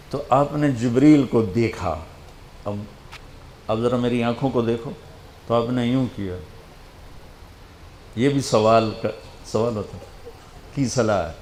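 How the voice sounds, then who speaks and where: A man's voice: medium pitch, long pauses. Male preacher, echoey room. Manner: emotional storytelling, swinging from loud to hushed. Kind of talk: sermon. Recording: roomy with faint background noise.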